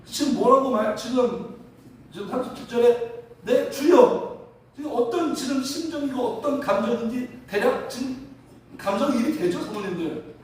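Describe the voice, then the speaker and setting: A male pastor preaching a sermon in a church, animated and asking the congregation rhetorical questions. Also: very high-pitched, normal speed. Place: church sanctuary. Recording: very echoey hall from a distance.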